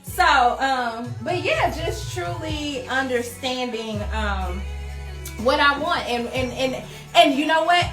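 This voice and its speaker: A woman's voice: high voice, expressive, slow, a bit bright, echoey room, faint music behind. A woman in her late thirties, a guest in a casual chat, talking frankly and hammering her points home. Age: 30s. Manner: frank, emphatic, repeats points. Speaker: guest, spa owner.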